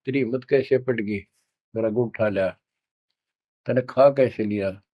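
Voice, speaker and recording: A man's voice: medium pitch, normal speed, no echo, natural voice. A man voicing a short, angry male ghost, scolding and threatening, in slightly muffled audio.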